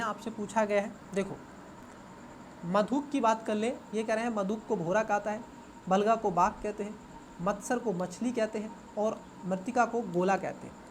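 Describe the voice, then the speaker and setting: Male exam coach walking through a paper, repeats each term, quizzes viewers rhetorically, faint background hiss. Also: high-pitched. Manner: repeats words and asks students rhetorical questions. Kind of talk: exam paper answer walkthrough.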